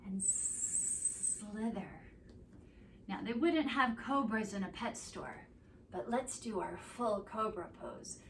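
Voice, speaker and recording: A woman leading a preschool yoga class, giving gentle, sing-song prompts to children. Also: a little high, lively intonation, measured pace, slight background noise. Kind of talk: guided kids' yoga instruction. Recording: echoey room, mic at a distance.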